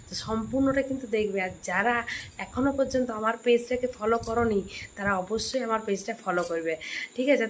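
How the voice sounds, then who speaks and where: A woman's voice: mid-range voice, a little hiss or hum. A woman in her thirties speaking in a Bankura Bengali accent, telling a folksy story to her viewers as a vlogger. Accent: Bankura dialect of Bengali. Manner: chatty, folksy, addresses viewers directly. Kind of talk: casual storytelling vlog.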